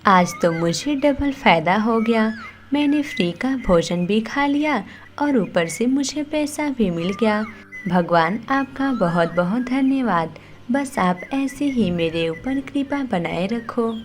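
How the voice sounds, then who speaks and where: A woman voicing a greedy, scheming old mother-in-law bird in a cartoon story, loud, theatrical and bossy. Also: fairly high pitch, expressive, takes it slowly. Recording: light background music.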